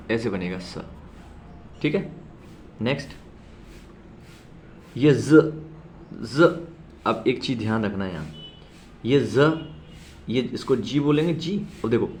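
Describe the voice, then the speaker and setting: Slow patient man teaching shorthand. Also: mid-range voice, a little hiss or hum. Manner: slow, repeats example words loudly; reassuring asides to learners. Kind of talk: classroom lesson.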